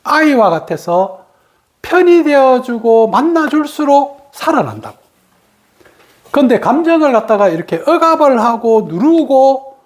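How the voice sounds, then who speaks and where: A woman's voice: a little high, darkish tone. A woman from Korea's region, giving a meditation talk, asking rhetorical questions, answering them herself, and laughing between points. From Gyeongsang region, Korea. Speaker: meditation teacher.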